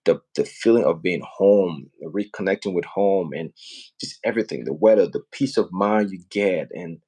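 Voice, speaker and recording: Low-voiced man, earnest and persuasive. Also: normal speed, warm tone, husky. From Liberia. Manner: earnest, persuasive, often asks "right?" and "you know what I mean?". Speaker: host promoting home building back home. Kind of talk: casual live-stream talk.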